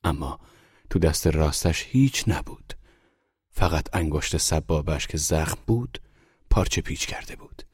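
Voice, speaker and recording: A man reading a literary story aloud in a hushed, unhurried storytelling manner. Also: extremely low pitch, expressive, breathy edge, dry recording, clean studio sound. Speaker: audiobook narrator. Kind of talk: scripted literary narration.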